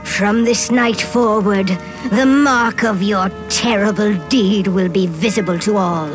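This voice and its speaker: Woman as a slow, foreboding oracle. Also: mid-range voice, lightly acted. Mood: stern doom. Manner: slow, ominous pronouncements. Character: solemn female oracle, foreboding and stern. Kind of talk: video game cutscene acting. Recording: music behind the voice.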